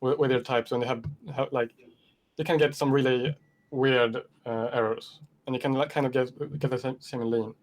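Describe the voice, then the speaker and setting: A man in a casual technical discussion on a video call. His audio keeps cutting in and out, and he speaks haltingly with many restarts. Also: medium pitch, little pitch movement. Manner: halting, restarts words often. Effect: choppy video-call audio cutting in and out.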